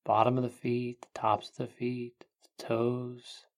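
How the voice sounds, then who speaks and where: Here a meditation narrator uses a monotone, mid-range voice with a creaky texture, sounding like a sleep story reader. The guidance is quiet and gentle, with long pauses.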